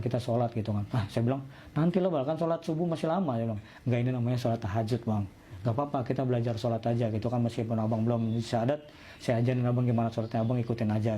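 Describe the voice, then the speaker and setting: Fast-talking man with a lilt. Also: medium pitch, slight background noise. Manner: lively, acts out quoted voices in dialogue. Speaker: guest telling his conversion story. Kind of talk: casual storytelling.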